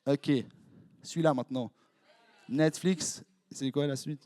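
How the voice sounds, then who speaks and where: A young man with a Swiss French accent, preaching as a youth pastor in a lively, joking way, quizzing his congregation. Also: on the high side, no room sound. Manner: playful, jokey, quick asides to the crowd. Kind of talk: lively sermon with audience interaction. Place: church hall before a congregation.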